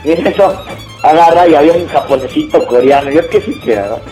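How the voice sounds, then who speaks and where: Animated young Mexican man telling a story. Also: on the high side, fast talker, roomy sound, faint music behind, rough recording. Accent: Mexican Spanish. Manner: animated, laughing, slangy, acts out shouts. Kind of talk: casual storytelling among friends.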